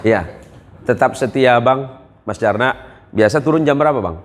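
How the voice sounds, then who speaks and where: A man with a medium-pitched voice speaks at a moderate pace. He is an Islamic preacher delivering a humorous religious lecture to a gathering in a large hall at a police headquarters, bantering and joking with the audience.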